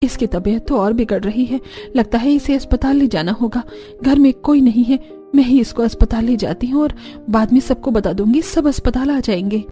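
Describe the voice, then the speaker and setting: A loving young mother pours out tender, urgent words, as a woman voices her in a cartoon story. Her voice is high and carries over faint background music. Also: normal speed, warm tone, natural voice. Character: devoted young mother, caring and brave.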